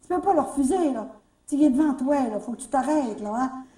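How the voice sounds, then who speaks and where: A woman with a Canadian French accent telling faith stories at a retreat, lively, repeating herself and rising into exclamations. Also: high voice, a little fast. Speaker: retreat speaker. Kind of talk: storytelling talk. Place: retreat hall. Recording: echoey room, mic far off.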